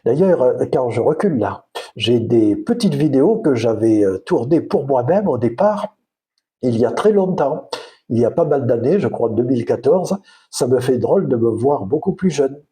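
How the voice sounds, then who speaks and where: Animated but dark-toned, his medium-pitched voice moves at a normal speed. The speaker is a Provençal channel host in his fifties, musing casually and reflectively for his vlog while frequently pausing to hesitate.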